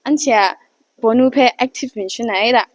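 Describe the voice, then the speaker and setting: A woman giving an unhurried talk, often pausing and hesitating. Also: dry recording.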